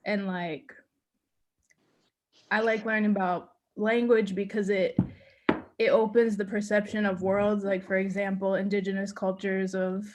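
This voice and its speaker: A woman with a middle-pitched voice talks in a casual group discussion, easy and chatty. She sprinkles "like" through her sentences as she shares what she knows. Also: little pitch movement, measured pace, a little hiss or hum. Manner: chatty, leans on "like". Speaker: class participant with a cognitive science degree.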